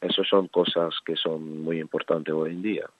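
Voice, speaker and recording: A middle-aged man from the Netherlands, a former footballer turned coach, talking as a guest in a radio interview, relaxed and halting, with many fillers and restarts. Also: very deep voice, dry recording. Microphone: phone. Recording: tinny phone line.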